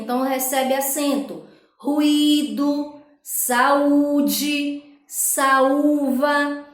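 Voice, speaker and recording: High-voiced, slow Brazilian woman teacher. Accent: Brazilian Portuguese. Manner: explains step by step, often checks in with the class. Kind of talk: recorded school lesson. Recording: echoey room.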